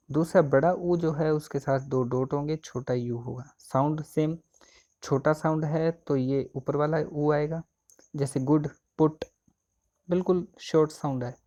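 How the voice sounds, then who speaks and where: A man's voice: on the high side, mellow. A man teaching an exam coaching lesson, asking questions and answering them himself. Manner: asks and answers own questions.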